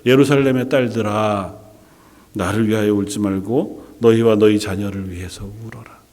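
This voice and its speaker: A male pastor quoting Jesus in a low, quiet and gentle voice during a sermon. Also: very animated, a little slow. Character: Jesus, calm and quiet-spoken. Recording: echoey church hall.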